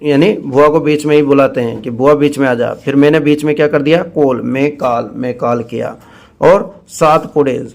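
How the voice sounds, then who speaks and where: A male teacher, giving a mnemonic lesson and asking students questions, then slowly drawing out the answers himself. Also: mid-range voice. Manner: call-and-response questioning, drawn-out repeated answers.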